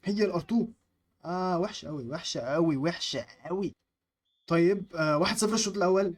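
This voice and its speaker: A young man with an Egyptian Arabic accent, giving live gameplay commentary, excitable, chanting at the screen and muttering to calm himself. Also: sits high, fast talker. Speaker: gaming YouTuber.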